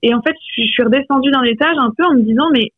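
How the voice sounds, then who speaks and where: A female poet speaks very fast in a high, slightly rough voice during a phone interview for radio, pausing to search for the right words in a reflective way. The thin landline makes her sound tinny, close and dry, with no room sound.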